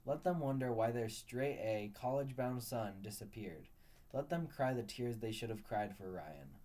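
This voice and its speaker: A man's voice: mid-range voice, expressive, normal speed, dark tone, lightly acted. A man voicing a defiant young man on the run, bitter and resentful, in a read-aloud story.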